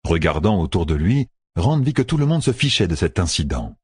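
Deep husky guy reading a fantasy audiobook, bouncy intonation, dry booth sound. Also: brisk, no room sound. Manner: expressive, storytelling. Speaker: audiobook narrator. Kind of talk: scripted fantasy narration.

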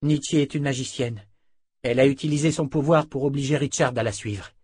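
A man voicing a resolute young woman inquisitor in an audiobook, speaking in a steady, measured way. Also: medium pitch, husky, dry recording, pitched above the performer's own voice, close to an everyday voice. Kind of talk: audiobook character voice.

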